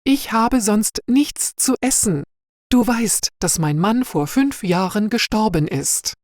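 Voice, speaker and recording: A woman voicing a bitter, quarrelsome older woman neighbour in a read-aloud story for learners, scolding and shrill. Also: expressive, slow, a little mellow, no room sound, studio quality. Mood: desperate.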